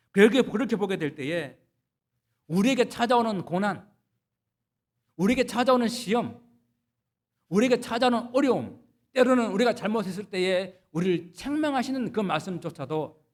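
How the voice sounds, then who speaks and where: A man, a pastor, preaching a Sunday sermon, retelling scripture stories and asking the congregation rhetorical questions. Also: sits high.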